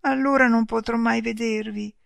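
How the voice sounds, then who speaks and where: A reader voicing a lonely orphan boy who asks hesitant, soft questions in an audiobook. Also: mid-range voice, fairly even intonation, moderate pace, gravelly, no echo, pitched above the performer's own voice. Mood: wondering. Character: lonely orphan farm boy, timid and wistful. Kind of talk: audiobook reading.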